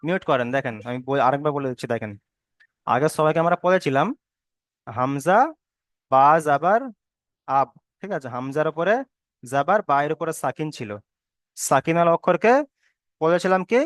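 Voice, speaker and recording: A man's voice: a little high, normal speed, long pauses, no room sound, studio quality. A man teaching Arabic letter reading in an online class, patiently spelling each step and repeatedly asking if everyone follows. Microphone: online class call.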